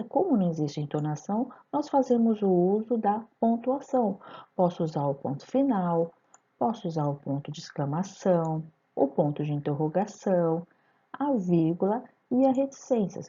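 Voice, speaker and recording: A woman's voice: lowish voice, warm tone, breathy edge. A woman teacher with a Brazilian Portuguese accent narrating a recorded lesson, putting questions straight to her students. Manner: didactic, addresses students directly with questions. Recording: dull lo-fi voice-over recording.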